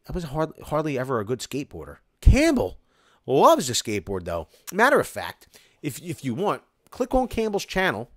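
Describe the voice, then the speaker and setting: Excitable Philly guy reading live chat. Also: mid-range voice, dry recording, studio quality. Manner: excitable, rambling, many restarts and "like". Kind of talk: casual live-stream chat. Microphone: close mic, home live stream.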